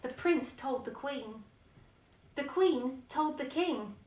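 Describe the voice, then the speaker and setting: Taking it slowly, a female storyteller with a high-pitched, slightly mellow voice and lively intonation reads a children's bedtime picture book. She reads expressively and asks young listeners questions amid chatty explanations. A distant mic adds roomy echo, along with a little hiss or hum.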